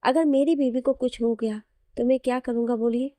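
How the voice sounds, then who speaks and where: A man's voice: very high voice, steady tone, moderate pace, dark tone, dry recording. A woman voicing a mischievous young husband who teases his wife and friend. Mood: mock-indignant. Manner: mischievous, teasing. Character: playful teasing young husband.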